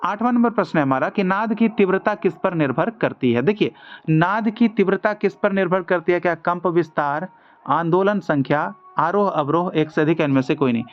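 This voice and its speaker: Guy tutoring for music exams, pretty high voice, keeps asking and answering his own questions, kinda dull lo-fi sound. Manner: explains step by step with many rhetorical questions. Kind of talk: online MCQ lesson.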